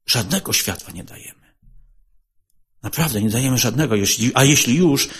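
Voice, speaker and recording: Animated man preaching, repetitive questions. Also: medium pitch, normal speed. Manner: repeats rhetorical questions, swings between loud and soft; earnest, exhorting. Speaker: lay preacher. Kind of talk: sermon.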